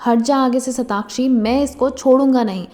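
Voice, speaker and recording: A woman reading a hot-tempered villainous father in a spoken storybook, barking threats and blustering with rage. The voice stays fairly high. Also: steady tone, moderate pace, a little mellow, natural voice. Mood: furious. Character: furious older father, gun-waving villain.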